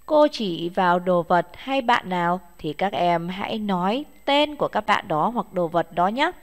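A woman teaching English to young children in slow, patient steps, with a Vietnamese accent, saying each word twice. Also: on the low side, lively intonation, long reverb tail.

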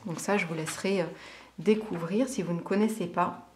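A woman's voice: lowish voice, moderate pace, a little mellow, a little hiss or hum. A woman tarot reader talks casually to camera as she reviews a boxed set. She speaks in a chatty, hesitant way, full of filler sounds, and now and then reads aloud from a booklet.

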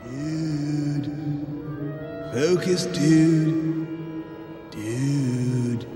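An actor playing a laid-back surfer-dude male sea turtle in an animated film, drawling his slang. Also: a little high, drawn-out words. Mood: mellow. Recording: animated film soundtrack with music.

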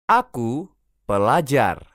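A language teacher reads short everyday phrases for learners to repeat. Each phrase comes three times, unhurried and clearly spaced. The voice moves freely up and down, and the recording is dry and close. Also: medium pitch, big pitch swings, fairly bright tone, dry recording. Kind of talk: reading phrase drills.

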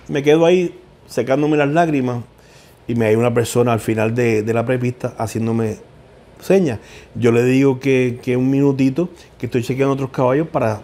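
Mellow-voiced man telling stories. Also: medium pitch. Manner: heartfelt, repeats words as he searches for them. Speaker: equine veterinarian. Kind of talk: emotional interview storytelling.

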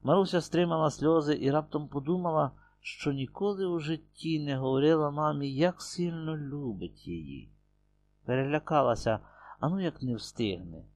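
A man narrating an audiobook with expressive, unhurried storytelling. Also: a little high, no echo. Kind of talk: scripted narration.

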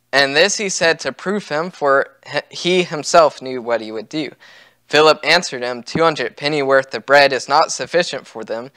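Bright, clear-voiced young man preaching. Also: medium pitch, no echo. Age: young adult. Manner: earnest, conversational with many fillers and restarts. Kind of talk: sermon. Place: church sanctuary, at a pulpit. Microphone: pulpit microphone.

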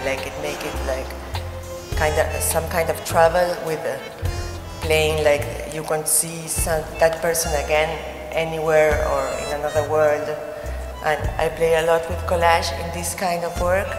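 A middle-aged woman from Argentina with an Argentine Spanish accent, a native Spanish speaker, explaining her artworks in a halting way, searching for words. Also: sits low. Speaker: artist. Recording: roomy gallery echo with music.

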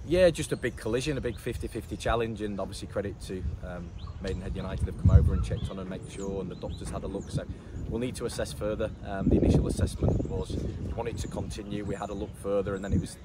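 Football manager over loud traffic. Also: male voice, on the low side, steady tone. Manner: measured, frequent "obviously" and restarts. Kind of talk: post-match interview. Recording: loud outdoor noise with traffic.

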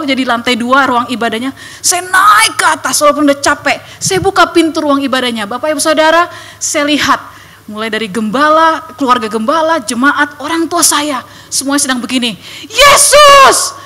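A young woman evangelist giving a lively testimony to a church congregation, acting out voices and sounds as she tells her story. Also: sits high. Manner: animated storytelling, acts out voices and sound effects. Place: church hall.

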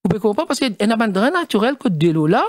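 Man, Mauritian accent, middle-aged, studio guest, halting with fillers, very animated pitch, dry close sound. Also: dry recording. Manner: halting, mixes French and Creole, many fillers. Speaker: studio guest, former district council president. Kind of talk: explaining in a studio debate.

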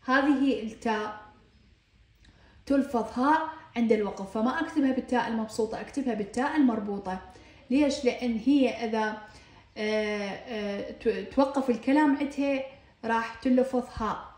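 Iraqi woman teacher, patient, repeats each word aloud, asks and answers her own questions; a bit high-pitched, echoey room. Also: a little fast, darkish tone. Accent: Iraqi Arabic. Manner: asks "why?" then answers herself. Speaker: Arabic teacher. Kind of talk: explaining workbook exercises.

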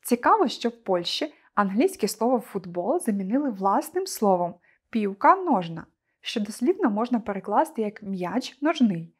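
A woman teacher presenting a scripted online lesson, speaking clearly and deliberately to her pupils. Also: medium pitch, sing-song, darkish tone.

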